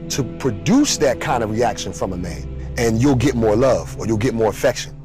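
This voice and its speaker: A young man telling his personal testimony in an earnest, emotional way, with sudden rises in pitch. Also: expressive, moderate pace, a little mellow, soft background music. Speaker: testimony speaker.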